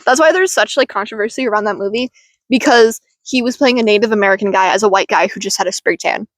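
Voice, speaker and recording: A woman's voice: mid-range voice, fast, no echo. A woman co-hosting a podcast in casual chat, playful and giggly, recorded outdoors on a handheld mic. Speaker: podcast co-host. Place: outdoors in the woods. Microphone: handheld mic passed between speakers.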